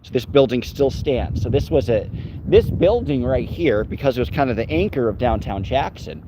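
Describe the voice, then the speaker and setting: Here a man with an average-pitched voice strolls city streets with his dog, chatting loosely to both the dog and his live viewers. His intonation is lively and his pace moderate, recorded on a handheld phone over faint traffic noise.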